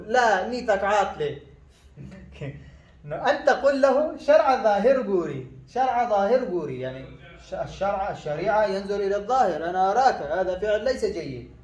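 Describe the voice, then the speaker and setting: Echoey, high-voiced male language teacher. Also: a little mellow. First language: Pashto. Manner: halting, many fillers and restarts. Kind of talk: casual spoken lesson.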